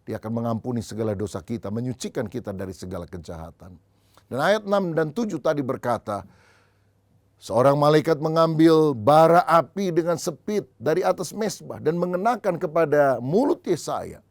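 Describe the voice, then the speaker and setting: A man's voice: a little high, expressive, normal speed, no room sound. A middle-aged man preaching in church as pastor, telling humorous stories and acting out the dialogue. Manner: storytelling, acts out dialogue in anecdotes. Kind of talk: sermon with humorous anecdotes.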